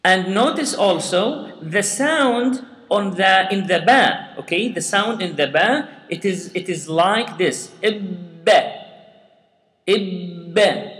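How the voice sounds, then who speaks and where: Teaching Quran recitation step by step, a man patiently repeats sounds and has learners say them back in a slow lesson. His high, slightly bright voice is expressive and unhurried, with hardly any pauses. A room with long reverb makes everything echo.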